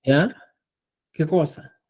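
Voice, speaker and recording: Slow, mellow-voiced man teaching a class. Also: fairly high pitch. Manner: slow, patient, checks understanding often. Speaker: Quechua language teacher. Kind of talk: classroom lesson.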